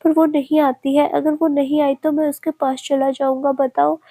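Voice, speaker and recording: A distressed young man who clings to hope like a child, read in a woman's storytelling voice. The voice sits high and level, with a soft, mellow tone. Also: flat delivery, moderate pace, dry recording. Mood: upset.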